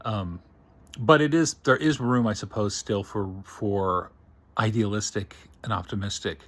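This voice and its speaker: A science fiction writer thinking aloud in a casual, digressive monologue. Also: male voice, fairly low pitch, unhurried, fairly bright tone.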